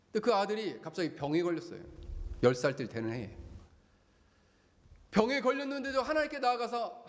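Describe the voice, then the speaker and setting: A male pastor preaching a sermon, telling stories and rising into loud pleading appeals. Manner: storytelling preacher who swings from low asides to loud pleading climaxes. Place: church sanctuary. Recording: long hall reverb.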